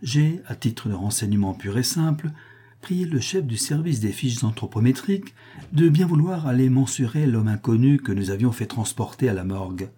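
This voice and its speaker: Husky, mellow man reading a precise detective for an audiobook; lofty, lectures in logic. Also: medium pitch, animated, normal speed. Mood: reasoning. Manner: lofty, didactic, reasoning aloud. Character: shrewd, precise male detective, coolly logical.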